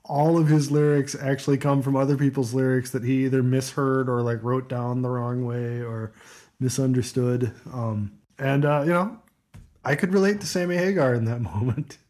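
A man's voice: mid-range voice, fairly even intonation, moderate pace, a little mellow. A man co-hosting a music podcast, chatting casually with lots of fillers and frequent laughter. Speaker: podcast co-host.

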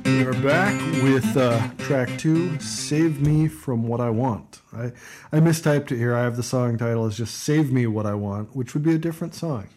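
A man's voice: medium pitch, moderate pace. A man co-hosting a music podcast, chatting casually with lots of fillers and frequent laughter. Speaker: podcast co-host.

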